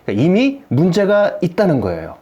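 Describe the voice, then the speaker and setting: Guy doing a family therapy talk for parents, fairly high voice that swoops around a lot, keeps asking questions. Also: a little fast. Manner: animated, rhetorical questions. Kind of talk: explanatory video lecture.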